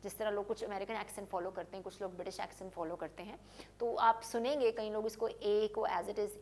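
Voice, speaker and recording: A woman's voice: mid-range voice, fairly even intonation, darkish tone, a little hiss or hum. Woman teaching English grammar. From Pakistan. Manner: explains patiently, asks rhetorical questions, slows down on English examples; mixes Urdu with English phrases.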